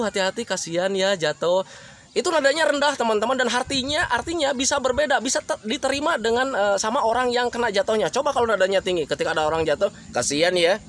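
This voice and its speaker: Man, high voice, casual advice talk, chatty with fillers, acts out example lines, faint background ambience. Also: a bit bright, slight background noise. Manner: addresses listeners as friends, many fillers, acts out example phrases. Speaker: health talk presenter.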